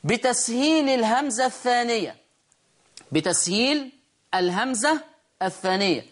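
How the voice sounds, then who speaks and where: A woman with an Egyptian accent teaching Quran recitation rules, asking questions and answering them herself, and reading quoted verses slowly. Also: a little high, expressive. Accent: Egyptian Arabic. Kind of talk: online recitation lesson.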